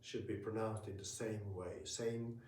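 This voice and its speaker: A man gives a casual language lesson, pausing often and filling gaps with "uh" and "um". He talks at a slow, unhurried pace. His voice sounds roomy and a bit off-mic. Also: on the low side, steady tone, a little mellow, slight background noise. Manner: slow, hesitant, many fillers. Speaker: Japanese language teacher. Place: room in Tokyo. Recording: roomy, from a distance.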